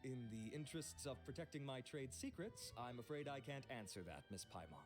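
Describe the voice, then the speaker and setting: A man's voice: mid-range voice, expressive, brisk, over loud music, natural voice. A man playing a suave skincare merchant. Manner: polished, gracious, salesman-like. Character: suave, courteous male skincare maker and merchant. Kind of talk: video game character dialogue. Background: game soundtrack.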